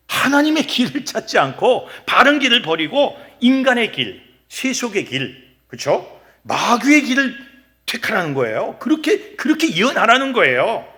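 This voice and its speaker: Animated, bright-voiced Korean pastor preaching. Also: male voice, sits high, moderate pace. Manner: emphatic, swinging between loud exclamations and quiet asides; acts out quoted voices and asks rhetorical questions. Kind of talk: sermon. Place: church sanctuary.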